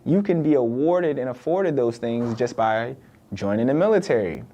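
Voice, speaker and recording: A man's voice: medium pitch, animated, moderate pace, warm tone, muffled recording. A young man, a podcast host from Virginia, talking in a loose, conversational solo monologue full of "like" and "right?". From born in the UK, raised in Virginia.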